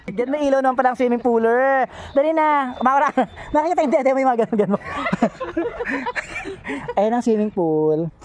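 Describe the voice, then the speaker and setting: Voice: high-pitched, lively intonation, fast, hardly any pauses, a little hiss or hum. A vlogger with a Filipino accent, chatting through a casual travel vlog, playful and exclaiming, often out of breath.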